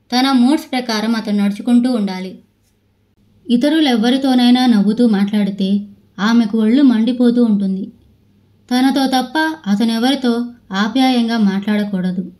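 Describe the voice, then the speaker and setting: A woman narrator reading a novel aloud in a steady storytelling manner. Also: a little high, rough recording. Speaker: audiobook narrator.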